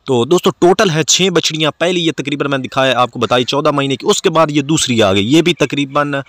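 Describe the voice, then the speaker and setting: Man pitching calves for sale. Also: a little fast, fairly bright tone, no echo, clean studio sound. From Pakistan. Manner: salesman-like, repetitive, addresses viewers as friends. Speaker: channel host selling cattle. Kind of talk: voice-over livestock sales pitch.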